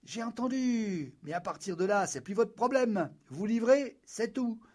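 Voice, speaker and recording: A man's voice: high voice, expressive, measured pace, a little mellow, pitched above the performer's own voice. A man voicing an arrogant young officer who cuts others off and gives short commands. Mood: curt. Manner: curt, commanding, dismissive. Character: arrogant, domineering young male officer bargaining. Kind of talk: audiobook character voice.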